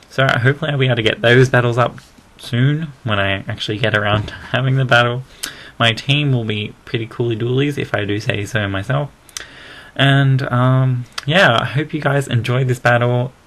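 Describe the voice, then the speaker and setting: A man's voice: medium pitch, gravelly, fairly bright tone. A man with an Australian accent giving casual, rambling, self-deprecating commentary over a video game battle, recorded on a built-in laptop mic.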